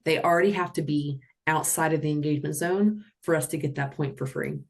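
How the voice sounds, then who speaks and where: A woman with a low-pitched voice runs an online teaching session, her delivery energetic and animated. She breaks into playful character voices to act out the players as she explains. She sounds like she is talking into a computer mic on a video call. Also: a little fast, vocal fry. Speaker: roller derby officiating instructor. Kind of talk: webinar teaching.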